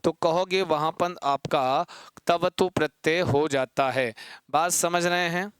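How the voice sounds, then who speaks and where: Male tutor, exam-prep lesson, higher pitch, crisp close sound, repetitive quizzing and sing-song chanting. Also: fairly bright tone, no echo. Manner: repeats points and quizzes students with rhetorical questions; chants word forms slowly and rhythmically. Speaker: teacher.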